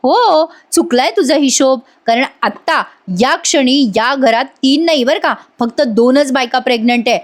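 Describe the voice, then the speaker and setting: A woman's voice: sits high, moderate pace, hardly any pauses, pitched above the performer's own voice, close to an everyday voice. A woman reading out a gloating scheming aunt. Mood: gloating, taunting. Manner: taunting, mocking. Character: scheming middle-aged aunt, cruel and gloating.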